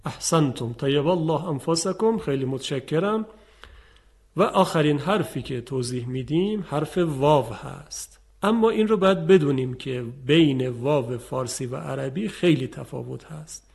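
A man teaching a tajweed lesson, calmly explaining and demonstrating letter sounds. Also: a little high, gravelly. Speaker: Quran recitation teacher.

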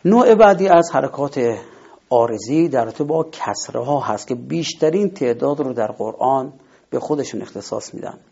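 A man teaching Quran recitation rules in a measured, explanatory way, reciting the example words as he goes. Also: mid-range voice, animated, vocal fry, dark tone, breathy edge, lo-fi sound. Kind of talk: instructional lesson.

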